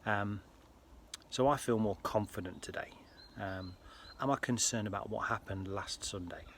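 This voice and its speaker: British guy doing a casual vlog, lowish voice, earnest n a bit halting, faint background noise. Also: fairly bright tone. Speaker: health vlogger. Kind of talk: casual personal vlog to viewers.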